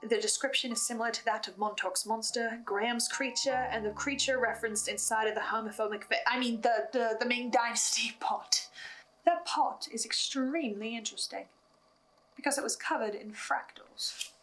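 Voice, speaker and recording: Recapping a horror audio drama, this woman speaks straight to the listener, presenting theories in a dramatic, emphatic, scripted commentary with asides. She's on the high side with fairly even intonation, normal speed and a fairly bright tone, though the recording is rough.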